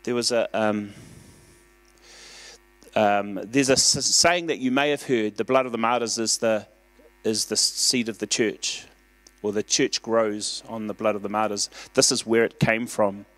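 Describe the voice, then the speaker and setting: Earnest New pastor preaching. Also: male voice, lowish voice, fairly even intonation, measured pace, fairly bright tone. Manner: earnest, conversational preaching with fillers and rising emphasis. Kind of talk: sermon. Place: church.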